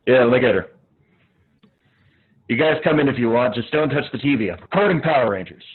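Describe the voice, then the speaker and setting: Crude, eager high school gamer boy played by a man, blurting and slangy, thin phone-quality sound. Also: expressive, fairly quick, breathy edge. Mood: casual, sheepish. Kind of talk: amateur play reading. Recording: tinny, band-limited phone-like audio.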